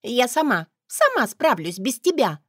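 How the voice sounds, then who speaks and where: A woman voicing a spoiled, bratty young stepdaughter who whines and shouts. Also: a little high, very animated, unhurried, no room sound, studio quality, pitched above the performer's own voice, heavily acted. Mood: petulant. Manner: whiny, capricious.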